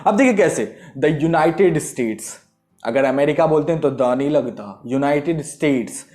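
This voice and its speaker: A young man teaching English grammar to students, lively and repetitive, often checking whether they understood. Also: fairly high pitch, takes it slowly, soft background music. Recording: echoey room.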